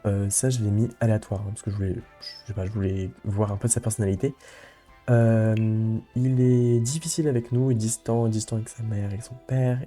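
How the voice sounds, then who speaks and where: Young male let's play host, mellow voice, chatty and rambling, light music underneath. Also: medium pitch. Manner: rambling, many fillers and restarts. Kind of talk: casual gameplay commentary.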